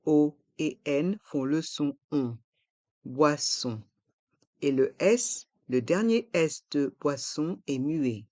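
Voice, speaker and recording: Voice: medium pitch, animated, slow, few pauses, warm tone, no echo. A pronunciation teacher giving a language lesson, carefully articulating each word and repeating it several times. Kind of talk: pronunciation lesson with slow repetitions.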